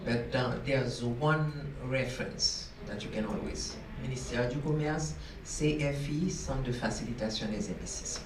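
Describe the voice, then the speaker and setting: A man on a panel giving practical advice in a measured way, with a few French phrases. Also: mid-range voice. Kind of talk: panel discussion. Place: large conference room. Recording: echoey room, distant, noisy.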